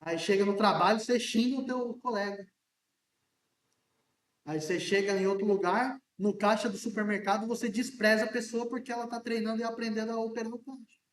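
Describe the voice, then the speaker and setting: A man preaching a sermon as pastor in a church, chatty and joking, asking his congregation questions and talking loudly because he is hard of hearing. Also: high-pitched, fairly even intonation, brisk. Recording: echoey church room from a distance.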